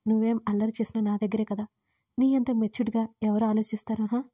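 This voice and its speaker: A woman's voice: a little high, flat delivery, fast talker, dark tone, breathy edge, dry recording. Woman reading a teasing young husband. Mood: affectionate. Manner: teasing, scolding banter. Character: young husband, teasing, gruff yet loving.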